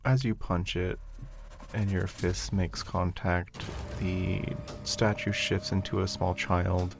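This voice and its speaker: A man's voice: deep voice, fairly even intonation, takes it slowly, gravelly. A man acting as game master, improvising narration for a tabletop game. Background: background music.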